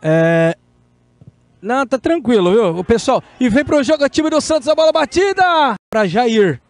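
Male football play-by-play caller, Brazilian accent, very high voice, dry sound. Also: expressive, moderate pace, no room sound. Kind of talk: live sports commentary.

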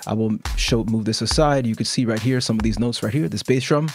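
Talking fairly quickly in a lowish voice, this middle-aged tutorial host explains music production step by step in a relaxed way, frequently checking in while he demonstrates. Music, drum samples and beat loops play in the background, with slight background noise.

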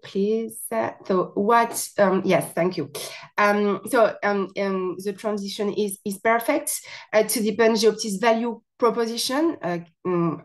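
A French woman with a French accent giving a hesitant webinar presentation over a video call, with many fillers. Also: medium pitch. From France. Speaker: presenter, company marketing officer.

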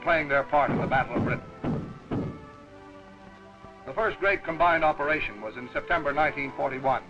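A man giving brisk, declamatory scripted narration for an old newsreel. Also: a little high. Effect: old newsreel sound. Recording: dull lo-fi 1940s newsreel soundtrack with music. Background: music.

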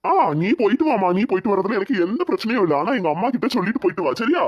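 An easygoing young husband in an animated cartoon, voiced by a woman, with a southern Tamil Nadu accent. He talks in a rapid, agreeable rush. The recording is muffled and buried in loud noise. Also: mid-range voice, pitched below the performer's own voice, close to an everyday voice.

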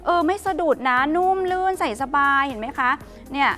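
A woman giving a fast, hype live home-shopping pitch in a polite, emphatic, persuasive way. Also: expressive, pushed and bright, soft background music.

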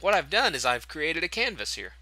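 A man's voice: fairly high pitch, very animated, a little fast, pushed and bright. A man hosting a casual game tutorial, chatty and thinking aloud as he corrects himself. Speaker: tutorial host.

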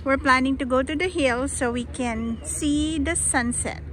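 A woman's voice: high-pitched, measured pace, crowd noise. A Filipino woman in her thirties narrating a casual walking vlog in English mixed with Tagalog, filmed on a phone outdoors. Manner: chatty, switches between English and Tagalog. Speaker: vlogger walking with her daughter. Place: old town streets outdoors at night and day. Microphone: phone camera held by the walker. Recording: music playing behind.

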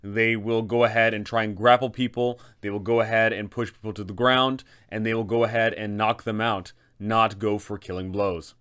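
A man in his thirties hosts a guide for game masters on a tabletop adventure, giving advice in an emphatic, methodical way. His voice is lowish, clear, resonant, and a bit bright, with fairly even intonation, normal speed, and hardly any pauses.

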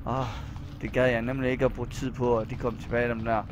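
A Danish-accented man commenting on his own gameplay, muttering anxiously to himself and now and then breaking into loud yelling. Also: medium pitch, little pitch movement, lo-fi sound, noisy background. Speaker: gaming channel host.

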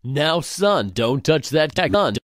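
A voice actor in an absurd cartoon, delivering short lines in a deadpan, matter-of-fact way. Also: medium pitch, slow, slight background noise. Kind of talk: absurd sketch comedy voice acting.

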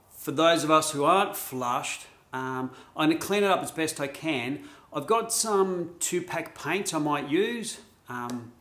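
A man's voice: a little high, fairly bright tone, roomy sound. A middle-aged Australian man hosting a casual DIY vlog from his home garage, laid-back and chatty with plenty of ums. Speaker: host.

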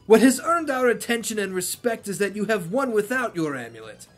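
A man's voice: high-pitched, very animated, a little fast, soft background music, pitched above the performer's own voice. A man voicing a sly aged male sorcerer who hosts a martial arts tournament, in a stiff, put-on delivery. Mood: smug. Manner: stiff, imitating a game character's delivery.

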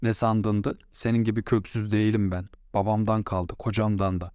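A man's voice: lowish voice, little pitch movement, moderate pace, darkish tone, no room sound, close to an everyday voice. A man voicing a proud, quarrelsome mother-in-law in an audiobook story, scolding and indignant.

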